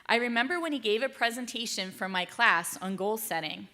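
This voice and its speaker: A woman teacher giving a measured, prepared introduction of a graduate. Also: a little high, bright, forceful tone.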